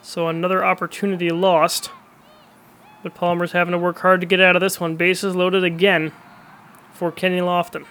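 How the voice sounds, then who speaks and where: High-voiced man calling baseball play-by-play. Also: flat delivery, moderate pace, a bit bright. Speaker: play-by-play commentator. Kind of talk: baseball video game play-by-play commentary.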